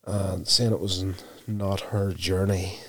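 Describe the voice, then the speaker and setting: A man casually recapping a TV episode, telling it in an unhurried, self-correcting way. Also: sits low, steady tone, no room sound.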